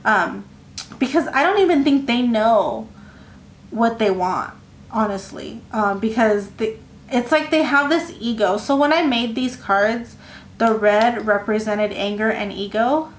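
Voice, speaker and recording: A woman giving a casual tarot reading, talking in a rambling, halting way with many fillers and restarts. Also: on the high side, a little hiss or hum. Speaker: tarot reader. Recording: echoey room with faint ambience.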